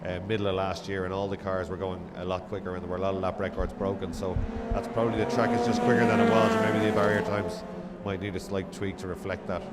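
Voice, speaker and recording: Racing cars and trackside noise blare loudly as a man commentates live on the race, updating positions with hesitant asides and self-corrections. He speaks fast in a low-pitched voice with little pitch movement.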